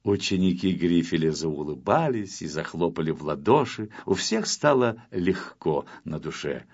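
A man narrating a children's storybook in an expressive, lively way. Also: deep voice, normal speed, slightly rough. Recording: dull lo-fi with faint music.

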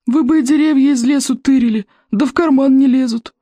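In a storybook reading, a performer pitches his voice above his own to play a crazed, scrawny old male librarian who screeches and hisses his words. The high, steady, slightly fast delivery has a dark tone and a creaky edge, sounding shrill and accusing. It's an audiobook character voice recorded at studio quality with no room sound.

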